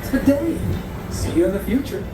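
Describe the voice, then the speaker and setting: A man's voice: high-pitched, sing-song, normal speed. A man playing a cheerful futuristic transit tour guide in scripted theme-park ride narration. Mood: upbeat, welcoming. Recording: echoey, distant ride loudspeaker under loud music. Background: loud music and vehicle sound.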